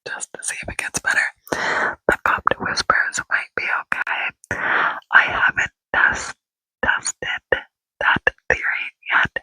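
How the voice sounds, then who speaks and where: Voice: takes it slowly, pushed and bright, dry recording, low-quality recording. An ASMR creator in a rambling, chatty whisper with many fillers, speaking close to a microphone held near the mouth, seated indoors. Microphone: close mic held near the mouth.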